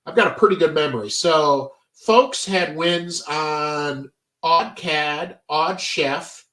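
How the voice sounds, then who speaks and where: A man's voice: a little high, slow pace, bright, forceful tone, echoey room, distant mic. A congested man giving a casual, chatty trading tutorial, full of fillers and stop-start phrasing. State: stuffy, congested. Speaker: trading educator. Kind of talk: casual screen-share tutorial.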